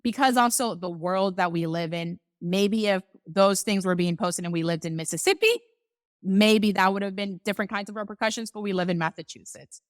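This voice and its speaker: Animated woman from the Dominican Republic. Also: mid-range voice, no echo. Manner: animated, quick, many "like"s, quotes herself. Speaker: business co-owner guest. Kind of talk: casual conversational interview.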